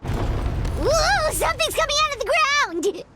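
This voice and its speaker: A woman voicing a small, excitable, timid fairy companion with a childlike manner in a video game. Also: very high-pitched, measured pace, background noise, exaggerated voice. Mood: startled. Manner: refers to self in third person, exclamatory.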